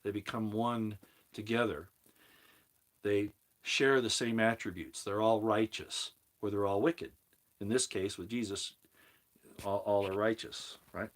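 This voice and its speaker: A man's voice: lowish voice, steady tone, unhurried. A man hosting a livestream, reading viewers' comments aloud and answering them in a rambling way, often restarting his sentences. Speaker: livestream host answering chat. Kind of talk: casual livestream talk on scripture.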